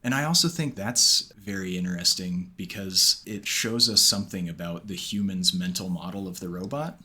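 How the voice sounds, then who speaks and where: A man talking as a researcher in a measured, analytical conversational way. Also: deep voice, pushed and bright. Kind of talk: conversational discussion.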